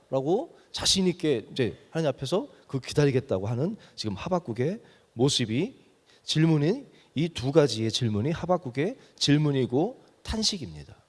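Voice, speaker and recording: Male pastor, sermon delivery, acts out anguished pleas; higher voice, echoing sanctuary. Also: normal speed. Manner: animated preaching, acting out anguished prayers to God. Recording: long hall reverb.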